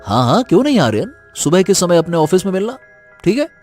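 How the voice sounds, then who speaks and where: A man's voice: high voice, fast, faint music behind, voice pushed up. A male narrator voicing a friendly young hotel owner with an easygoing, welcoming manner, in an audio drama. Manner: welcoming, easygoing, lively intonation.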